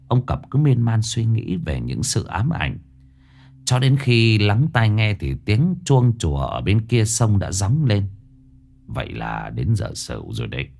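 A man's voice: on the low side, darkish tone. Man telling a horror story dramatically. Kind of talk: scripted horror story narration. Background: faint background music.

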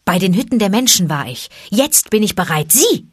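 A woman's voice: mid-range voice, normal speed, husky, no echo, studio quality, voice pushed up. A woman voicing a defiant jungle boy. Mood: eager. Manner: defiant calling out, lively. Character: bold wild boy raised by wolves. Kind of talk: audiobook character voice.

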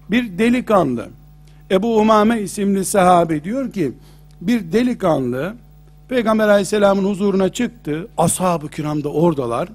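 A man's voice: high voice, darkish tone. A middle-aged man preaching a sermon, emphatic, posing rhetorical questions and retelling old stories. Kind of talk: sermon lecture.

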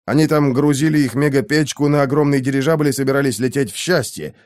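A man voicing an anxious male airship captain who reports quickly and urgently in an audiobook. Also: medium pitch, darkish tone, no echo, clean studio sound, close to an everyday voice. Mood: telling.

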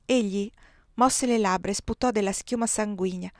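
Audiobook reader, woman, measured expressive narration, mid pitch, dry close sound. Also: dry recording. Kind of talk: novel reading.

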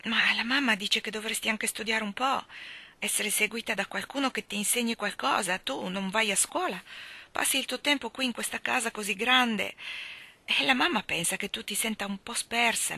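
A woman's voice: medium pitch, moderate pace, bright, forceful tone, no echo. A woman voicing a cheerful, chatty young housemaid who tells homely stories in a storybook reading. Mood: warm.

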